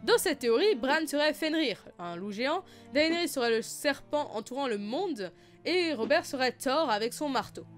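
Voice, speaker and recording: Playful high-voiced young woman vlogger. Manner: playful, self-mocking. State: slightly hoarse. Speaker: YouTube theory vlogger. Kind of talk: casual chatty video commentary.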